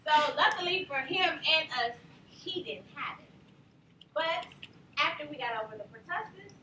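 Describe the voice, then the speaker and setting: A woman teaching a nursing class, telling lively stories and quizzing her students. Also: sits high, moderate pace, a little hiss or hum. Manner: animated storyteller, quizzes the class. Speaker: nursing instructor. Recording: roomy classroom from far off.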